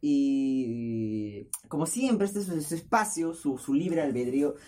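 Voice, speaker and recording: A young adult man hosts his own show, delivering a casual, rambling monologue into his camera's built-in mic, up close in his bedroom. His voice is a little high and slow, and he tells stories in a lively, jokey, self-mocking way with laughs.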